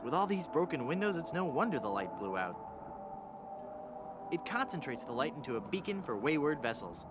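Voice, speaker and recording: An actor playing a naive, cheeky young wannabe pirate in a comic adventure game, with a wry, breezy delivery. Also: male voice, on the high side, big pitch swings, normal speed, loud music behind the voice.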